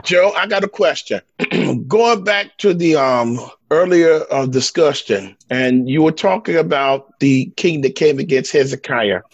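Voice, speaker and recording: Hesitant husky man on a call. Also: on the high side, no room sound. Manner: hesitant, halting with fillers. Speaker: caller asking questions. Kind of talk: casual call-in questions.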